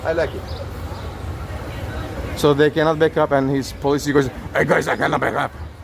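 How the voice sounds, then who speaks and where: His voice sits on the high side and is gravelly, with fairly even intonation and a moderate pace, against background noise. English isn't his first language; as a citizen auditor filming police on an outdoor city street, he keeps repeating polite but insistent demands in a confrontational recording.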